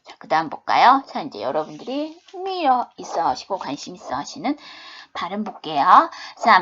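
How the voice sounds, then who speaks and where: A woman's voice: medium pitch, fairly bright tone. A woman teaching a beginners' English phonics lesson, patiently spelling out words letter by letter. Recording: dull lo-fi video-class audio.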